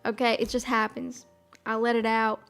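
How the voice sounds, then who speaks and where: Over soft piano, a streamer from the American South with a mild Midwestern accent chats casually at a moderate pace. Her fairly high voice is clean and level, and she rambles in a bubbly way, frequently dropping "freaking" and "oh my God."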